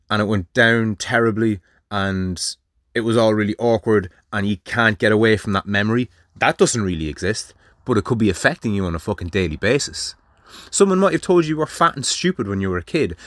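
A man in his 30s hosts a solo podcast monologue in a lowish voice, recorded dry with studio quality. He talks bluntly, swears freely and fires off rhetorical questions.

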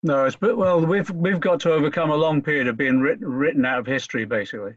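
A man from Liverpool, talking in a halting, earnest way as an interview guest, often repeating himself. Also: fairly high pitch, no echo, muffled recording. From Liverpool, England. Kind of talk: conversational interview.

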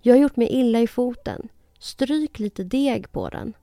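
A woman voicing a cunning male wolf in a storybook reading, loud and coaxing with false sweetness. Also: a little high, no echo, soft background music, natural voice. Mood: demanding. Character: cunning big male wolf faking a mother.

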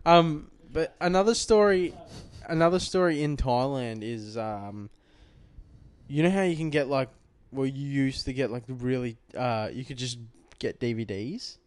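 A man's voice: medium pitch, a little slow, clean tone, no echo. A young man, co-hosting a podcast from a home lounge room and telling crude, rambling anecdotes full of swearing. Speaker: podcast co-host. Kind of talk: casual storytelling chat.

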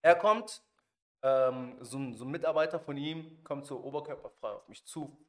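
A man's voice: medium pitch, moderate pace, a bit bright. A young man hosting a podcast, telling a story in casual slangy chat and acting out the quotes. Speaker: podcast host.

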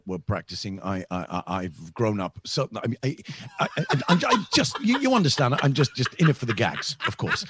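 Man doing a sleazy showbiz entertainer, smarmy, rambling, stammering restarts, innuendo, middling pitch, dry close sound. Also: fairly bright tone, slightly rough, dry recording. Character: sleazy self-regarding male showbiz entertainer. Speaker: comedy character being interviewed. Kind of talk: improvised comedy interview.

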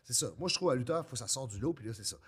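Fast-talking Acadian French man. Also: mid-range voice, breathy edge. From New Brunswick, Canada. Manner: animated storyteller, acts out quotes. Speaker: guest, pro wrestler. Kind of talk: casual chat.

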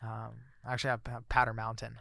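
A man's voice: mid-range voice, quick pace, creaky, dry recording, studio quality. A man telling a personal story as a guest author, in a casual chatty way with lots of fillers. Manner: chatty, many fillers, grows excited when recounting surprises.

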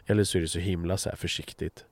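A man's voice: low voice, fairly even intonation, gravelly, a little mellow, no room sound. A blunt, direct man from Sweden in casual conversation, swearing freely and often restarting his sentences.

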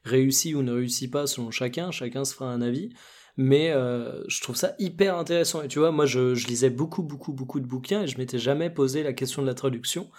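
Co-host, male, mid-pitched, loose slangy talk in a relaxed chat. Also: fast talker. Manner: informal, slangy, thinking aloud. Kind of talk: casual podcast chat.

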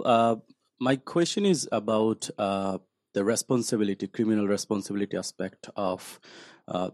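A man's voice: lowish voice, darkish tone, no echo, studio quality. A man from Bangladesh in a seminar audience, asking a question carefully and hesitantly.

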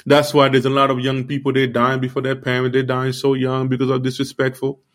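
A man's voice: mid-range voice, monotone, brisk. Guy doing a casual sermon, earnest, keeps saying you know, repeats his main point. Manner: earnest, repetitive, many fillers like "you know". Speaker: preacher. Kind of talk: informal sermon.

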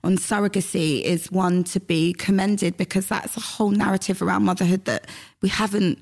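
A woman in her late thirties, a mother of three, chatting relaxed as a podcast guest. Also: medium pitch, normal speed, vocal fry. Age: late 30s. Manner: relaxed, chatty, with frequent "um" and "you know". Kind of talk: casual interview chat.

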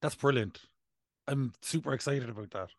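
A man's voice: mid-range voice, moderate pace, dry recording, studio quality. A man in his thirties with an Irish accent, hosting a casual comedic podcast in a playful, self-mocking way. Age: 30s. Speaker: podcast host.

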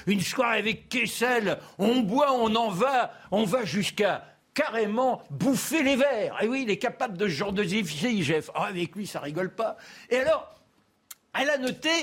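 A man telling a history story as a columnist on a TV debate show, lively and anecdotal, acting out the quotes. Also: high-pitched, husky.

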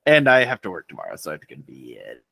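A man co-hosting a casual podcast with a bright, sharp-edged voice. He talks in an animated, playful way and jokes around. The recording is dry and close. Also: low-pitched, quick pace, vocal fry, no echo. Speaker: podcast co-host. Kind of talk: casual chat.

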